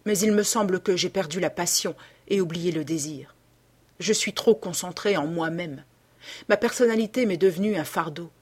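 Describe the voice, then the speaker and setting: A woman reading a troubled, weary young gentleman. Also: lowish voice, normal speed, husky. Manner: sad, subdued, uneasy.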